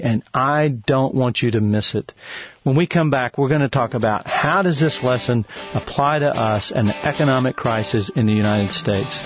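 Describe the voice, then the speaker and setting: A man's voice: medium pitch, no room sound, muffled recording. A man hosting a radio show, teaching from the Bible in an earnest, emphatic preaching style, lifting his voice to stress a point.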